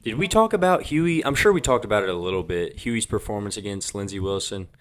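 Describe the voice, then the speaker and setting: A man's voice: lowish voice, lively intonation, brisk. A young man co-hosting a podcast who steers the conversation in an easygoing way. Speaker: podcast co-host. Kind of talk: casual podcast chat.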